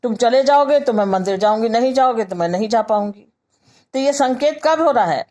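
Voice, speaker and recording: A woman with a Hindi accent teaching grammar in a patient lecture, saying example sentences slowly and then explaining each one. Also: on the high side, lively intonation, mellow.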